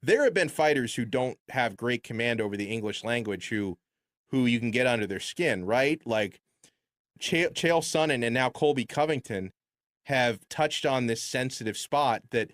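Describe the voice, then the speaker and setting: A man co-hosting sports radio talk, laying out his theories in an animated way. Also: mid-range voice, normal speed, no room sound, studio quality.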